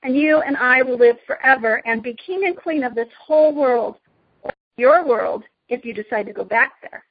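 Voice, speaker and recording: A woman's voice: sits high, normal speed, breathy edge, no room sound, highs cut off. A woman voicing a proud, tempting evil witch queen from a storybook, with an imperious, persuasive manner.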